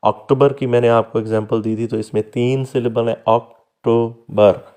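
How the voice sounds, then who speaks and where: A man teaching a recorded lecture, patiently explaining step by step, repeating example words slowly and fondly addressing his students as "beta". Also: mid-range voice, little pitch movement, a little mellow.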